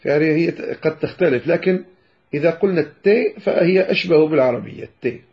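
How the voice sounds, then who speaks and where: Man, tajweed lesson, slightly high voice, muffled lo-fi recording. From Morocco. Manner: addresses listeners as brothers, demonstrates sounds slowly. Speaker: Quran recitation teacher. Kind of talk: tajweed lesson explaining pronunciation. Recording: dull lo-fi lecture recording.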